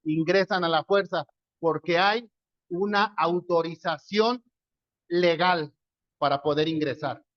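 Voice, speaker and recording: Mexican male pastor, higher voice, dull lo-fi recording; conversational sermon delivery, rhetorical questions. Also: slow, dry recording. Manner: conversational storytelling, asks and answers his own questions.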